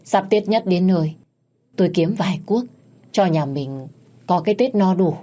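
A woman's voice: on the low side, lively intonation, moderate pace, dark tone. A woman voicing an earnest young husband who explains his plans plainly in a storytelling recording.

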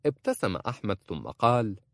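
A man narrating an audiobook in an expressive reading. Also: fairly low pitch, moderate pace, no room sound, clean studio sound.

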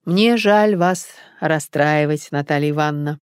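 A woman's voice: low-pitched, moderate pace, darkish tone, dry recording, studio quality, lightly acted. Woman reading as a burly, sympathetic detective. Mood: somber. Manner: sympathetic, serious.

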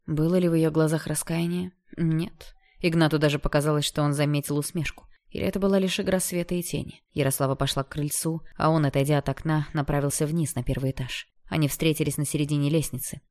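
Steady, expressive audiobook narrator. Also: medium pitch, quick pace, hardly any pauses. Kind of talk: scripted novel narration.

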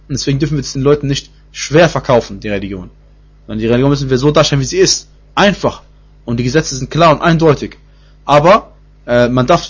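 A man giving a spoken lesson in Quran commentary, repeating himself with many fillers and restarts, and slowing into chant-like Arabic phrases. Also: mid-range voice, breathy edge. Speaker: Quran teacher. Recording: dull lo-fi recording.

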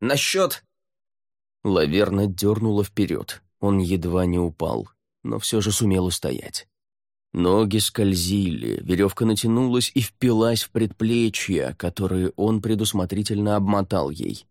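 A man reads audiobook narration in a very low, steady, measured voice. The sound is close and dry, with no room around it. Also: vocal fry, dry recording. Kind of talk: scripted narration.

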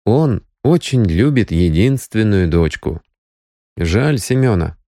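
A man voicing a weary grown man with a dry, wry humor, speaking low. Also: lively intonation, slow pace, warm tone, dry recording. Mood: gentle.

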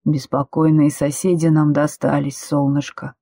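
A woman voicing a strong male prisoner who murmurs in a low, hushed, teasing way. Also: fairly even intonation, unhurried, slightly rough, no room sound, studio quality.

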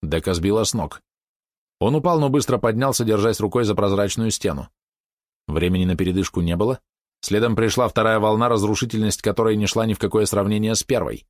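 Low-voiced male audiobook narrator. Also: no room sound, clean studio sound.

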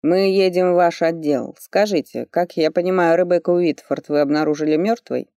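A man's voice: on the high side, fairly even intonation, warm tone, clear, resonant tone, no room sound, clean studio sound, natural voice. A reader doing a stern commanding nobleman. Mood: cool, probing. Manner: curt, authoritative, slow deliberate orders. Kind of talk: audiobook character voice.

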